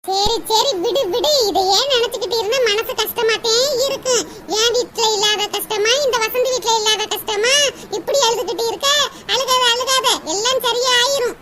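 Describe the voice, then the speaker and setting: A woman's voice: extremely high pitch, normal speed. A woman voicing chatty, consoling village women in a cartoon, with a south Tamil Nadu accent. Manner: consoling, gossipy, calls others akka and di. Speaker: neighbor. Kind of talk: cartoon voice acting. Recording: loud background noise.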